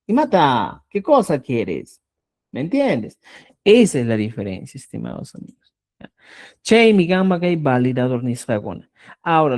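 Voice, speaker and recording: In a live online language lesson, a woman with a low voice and a darkish tone explains things patiently. She slowly repeats example words and keeps checking in with her students.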